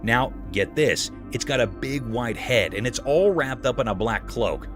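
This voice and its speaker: A man's voice: mid-range voice, expressive, measured pace. A man giving a scripted narration in a chatty, folksy storytelling tone. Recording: clear music bed behind. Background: music.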